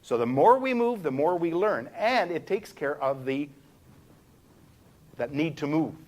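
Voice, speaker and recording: Animated male seminar trainer. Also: on the high side, unhurried. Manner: animated, demonstrates voices while explaining. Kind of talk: live seminar lecture. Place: room with a live audience.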